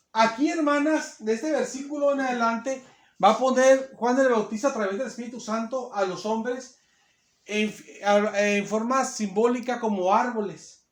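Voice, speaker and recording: High-pitched guy preaching in a church, emphatic, lots of restarts, roomy echo. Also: unhurried, a bit bright. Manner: emphatic, acts out quotes, many restarts. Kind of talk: sermon Bible teaching. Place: church hall.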